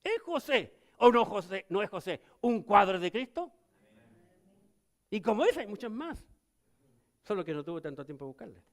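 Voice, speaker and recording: An older man with a Chilean accent preaching a sermon as pastor, moving between loud emphatic lines and low, quiet ones. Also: very animated, moderate pace, long pauses.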